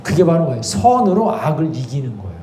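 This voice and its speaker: A man's voice: a little high, big pitch swings, quick pace, warm tone, reverberant, slight background noise. A male pastor giving an early-morning sermon, asking rhetorical questions, affirming with repeated "yes", and breaking into fervent prayer. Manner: rises into fervent spoken prayer. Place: church sanctuary.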